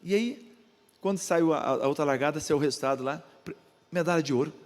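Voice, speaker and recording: An older Brazilian pastor with a high voice preaches and tells a personal story, acting out the other people's voices along the way. His accent is Brazilian Portuguese. The sound rings with the long reverb of a church hall. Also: a little fast. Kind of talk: sermon.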